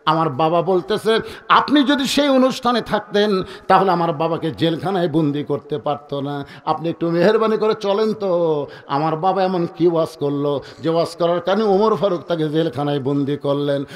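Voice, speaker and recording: A man's voice: on the high side, normal speed, lightly acted. A man voicing a small boy who pleads for his jailed father, told within a sermon. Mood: pleading. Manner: earnest storytelling quote within a sermon.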